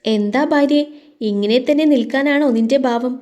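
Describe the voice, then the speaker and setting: Woman reading a cheeky young husband, mellow and teasing, audio-story romance. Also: sits high, moderate pace, muffled recording, natural voice. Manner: teasing, mischievous.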